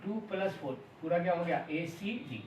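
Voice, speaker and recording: A high-pitched male math teacher, walking students through a proof step by step. He keeps checking "is it clear?" as he goes. He is recorded from a distance in a bare, echoing room with steady noise behind him. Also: moderate pace. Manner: calls students "बेटे", asks "Is it clear?" often. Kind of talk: classroom math lesson, mixing Hindi and English. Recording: echoey room, distant mic, noisy.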